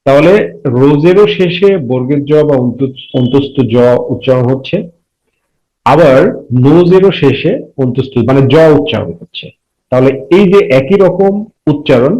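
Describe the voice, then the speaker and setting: Man teaching English, slow and repetitive. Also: mid-range voice, lively intonation, mellow, dull audio. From Bangladesh. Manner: repeats phrases slowly and translates line by line. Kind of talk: bilingual classroom lesson.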